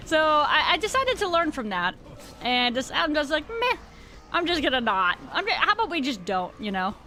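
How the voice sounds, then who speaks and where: A woman's voice: sits high, very animated, moderate pace, pushed and bright, a little hiss or hum. A woman game streamer chatting casually with her viewers in a rambling, slangy, informal stream of talk. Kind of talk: casual live-stream chat with viewers while gaming.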